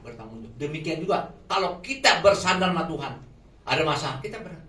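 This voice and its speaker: A man preaching a sermon in a lively way, often putting questions to the congregation. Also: fairly high pitch, fast. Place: shelter hall. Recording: echoey room from far off, faint noise.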